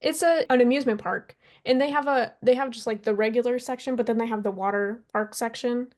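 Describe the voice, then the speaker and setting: A woman with a fairly high voice co-hosts a casual podcast. She chats in an easygoing, relaxed manner. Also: a little fast. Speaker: podcast co-host.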